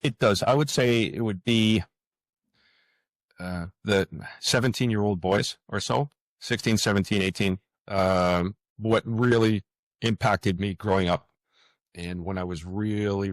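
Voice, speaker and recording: A guest author with a low, deep voice answers questions in a relaxed, conversational interview. He's earnest but halting, often searching for words, and the recording is dry with almost no surrounding room and no room sound.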